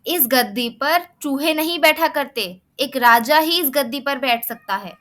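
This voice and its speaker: A woman's voice: sits high, a little slow, a bit bright. A woman voicing a proud, commanding male king in a children's storybook tale.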